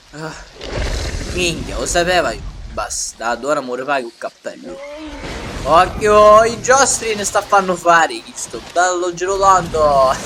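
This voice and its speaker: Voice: medium pitch, noisy background, close to an everyday voice. An actor voicing a frantic, foul-mouthed Sicilian in a comic parody dub of a dinosaur film, with a Sicilian accent and an exclamatory, colloquial manner. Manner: exclamatory, colloquial, full of wails and swearing. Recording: music running under the voice.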